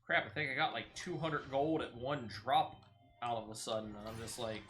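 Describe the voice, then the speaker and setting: During a live stream, a male gamer keeps up relaxed conversation with a viewer while playing. He has a somewhat bright mid-range voice at a normal speed, with slight background noise.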